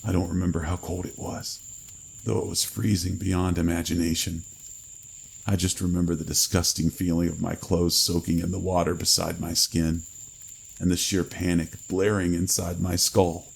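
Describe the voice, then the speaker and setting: A man reading a first-person horror story in a slow, grave storytelling manner. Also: deep voice, flat delivery, gravelly, husky, low-quality recording. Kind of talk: scripted horror narration.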